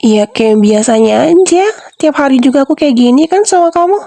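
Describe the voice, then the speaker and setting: A woman's voice: high voice, expressive, normal speed, gravelly, mellow, dry recording. A young woman voicing a clingy, manipulative wife in an ASMR role-play, doting at first and then questioning and defensive.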